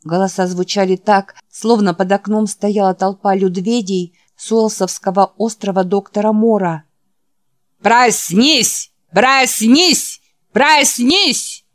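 A woman narrating an audiobook in a measured, dramatic reading style. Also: mid-range voice, little pitch movement, dark tone, no room sound, studio quality.

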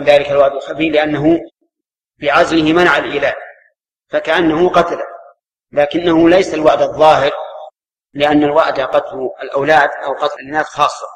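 Man, scholar teaching a class, brisk delivery, voice sits a little high. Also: rough recording. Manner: explains the text, then asks the reader to go on. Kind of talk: spontaneous lesson commentary.

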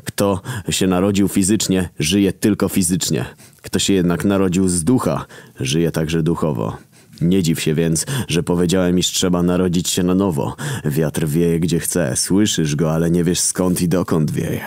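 A man voicing Jesus as a calm, unflappable male figure preaching in a slow, measured way in a read-aloud story. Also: low-pitched, no echo. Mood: serene.

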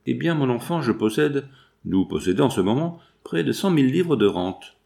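A man reading aloud and voicing a doting, worried father in his fifties who coaxes his daughter gently. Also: medium pitch, very animated, moderate pace, vocal fry, voice pushed up. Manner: gentle, anxious coaxing.

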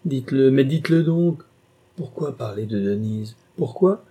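A man's voice: on the low side, normal speed, mellow, husky. A man reading a passionate young woman governess in an audiobook, impassioned and pleading. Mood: anguished.

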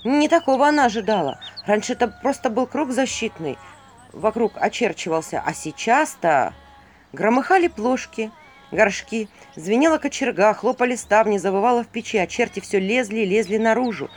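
A woman narrating a dark folk tale in an expressive storytelling voice. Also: a little high, moderate pace, a little hiss or hum. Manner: expressive, hushed then rising.

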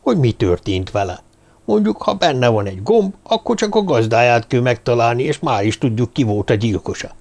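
A man's voice: medium pitch, very animated, vocal fry, darkish tone. A man voicing a simple, talkative shepherd who speaks in plain, matter-of-fact statements, in a storybook reading.

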